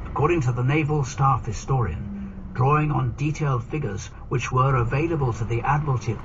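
A man narrating a historical documentary in a steady storytelling manner, heard from a radio in a truck cab. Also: mid-range voice. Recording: distant muffled radio in a truck cab with road noise.

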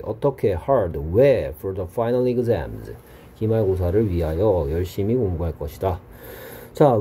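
A man teaching English grammar in a recorded exam-prep lesson, explaining step by step and reading English example sentences slowly. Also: medium pitch, dark tone.

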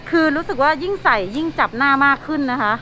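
A woman's voice: high-pitched, quick pace, sharp tone. A young woman vlogging in a supermarket, talking through a face mask in a chatty, playful way. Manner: chatty and playful, talks to viewers. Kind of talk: casual vlog narration. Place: supermarket, indoors. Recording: noisy store background.

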